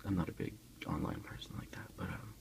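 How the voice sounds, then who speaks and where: This ASMR host is a man who hosts an unboxing in a relaxed way, speaking in a soft, breathy whisper. His pace is unhurried with a slight hesitance, and the audio comes from a phone.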